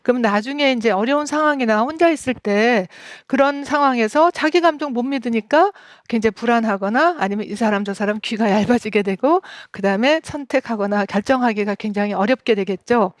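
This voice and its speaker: A woman's voice: fairly high pitch, a little fast, no echo. Woman lecturer, dry close sound. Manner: explanatory, acts out examples. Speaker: lecturer on parenting and emotion coaching. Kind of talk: stage talk.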